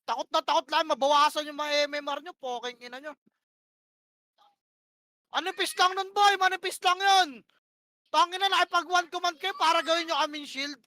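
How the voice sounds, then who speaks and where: A woman's voice: very high voice, fairly even intonation, a little fast, bright, forceful tone, no room sound, studio quality. A woman calling plays to her team during an online game, bossy and profane, firing off short repeated commands. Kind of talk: live gameplay shot-calling.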